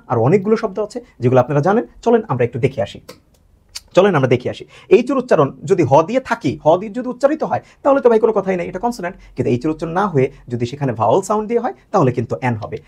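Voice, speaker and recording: A male teacher explains grammar to his students in a quick, animated voice that jumps up and down in pitch. His voice is slightly husky, and he keeps posing questions, then answering them himself, repeating key words to drive them home. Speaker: English teacher.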